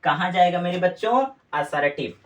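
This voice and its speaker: A woman's voice: lowish voice, animated, normal speed, recorded from a distance. A woman teaching a grammar lesson in a classroom style, asking questions and answering them herself and repeating key words for her students. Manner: scolds the students with mock impatience.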